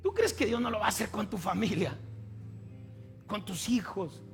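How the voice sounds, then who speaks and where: A Mexican pastor preaching a sermon, telling stories and acting out dialogue before building to emphatic appeals. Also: male voice, high voice, expressive, normal speed, faint music behind.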